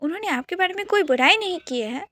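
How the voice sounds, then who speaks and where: A woman's voice: high voice, lively intonation, fairly bright tone, dry recording. A woman doing an earnest stubborn young woman. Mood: earnest, insistent. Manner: earnest, quick pleading insistence.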